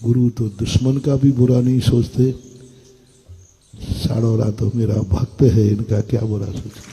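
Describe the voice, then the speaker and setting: A man's voice: lowish voice, level tone, unhurried, dark tone, slightly rough, poor audio. An older man preaching a sermon to an audience, blunt and scolding, asking his listeners questions. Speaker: Jain monk preacher.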